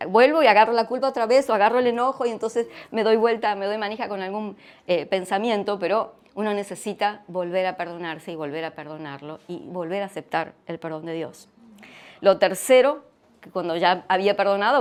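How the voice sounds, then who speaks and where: A middle-aged woman with an Argentine accent, sharing a personal testimony at church in an earnest, reflective way, pausing and restarting often. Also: mid-range voice. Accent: Argentine Spanish. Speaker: guest speaker sharing testimony.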